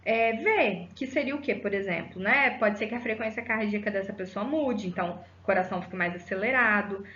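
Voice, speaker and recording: A woman's voice: medium pitch, a little fast, a bit bright, slight background noise. A woman gives an explanatory psychology lecture, teaching patiently and ending sentences with rhetorical tags. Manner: didactic, frequent rhetorical tag "né?" and fillers. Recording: roomy, slightly dull audio.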